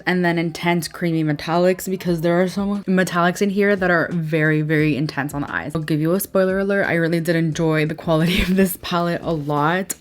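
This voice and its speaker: A woman with a slightly low voice chats through a beauty review. She sounds enthusiastic and casual, talking straight to her viewers and repeating words when she wants to stress a point. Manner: upbeat and enthusiastic. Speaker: beauty video host. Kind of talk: chatty makeup review to camera.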